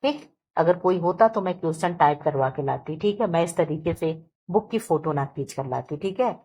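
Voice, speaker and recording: A woman's voice: on the low side, expressive, dark tone, breathy edge. A woman teacher reading multiple-choice exam questions aloud and answering them, checking in often with her students. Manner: reads options slowly, repeats "ठीक है" often. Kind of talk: exam-prep lesson reading quiz questions. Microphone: phone recording, voice-over of book photos.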